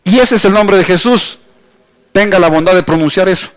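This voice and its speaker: A middle-aged man with an Ecuadorian accent, a pastor teaching his congregation in a church, explaining things patiently and slowing down to spell out words. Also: high-pitched. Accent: Ecuadorian Spanish. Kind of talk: teaching sermon. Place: church hall.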